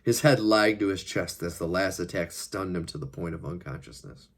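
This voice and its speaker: A man's voice: deep voice, normal speed. A man reading his own novel aloud, narrating plainly with the odd casual aside. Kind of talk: audiobook-style reading.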